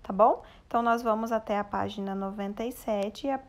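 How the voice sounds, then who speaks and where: A woman's voice: mid-range voice, steady tone, brisk. A woman teacher with a Brazilian Portuguese accent, giving a recorded lesson for children and patiently guiding the class with questions.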